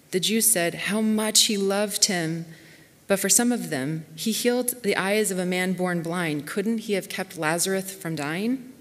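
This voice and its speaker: Woman, lowish voice, measured scripture reader in a church, long hall reverb. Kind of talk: reading scripture in a church service.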